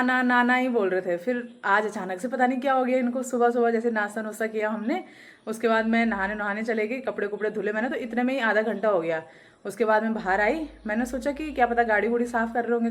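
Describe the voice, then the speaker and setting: A young woman, chatting casually to her vlog audience, laughing often as she tells stories. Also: a little high. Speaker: vlogger.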